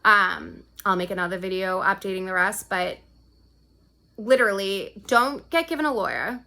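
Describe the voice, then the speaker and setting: At a moderate pace and medium pitch, a mother's creaky, bright, forceful voice carries a profane, heated rant to the camera. She's a vlogger recounting her custody fight, and she punctuates her points with "right?"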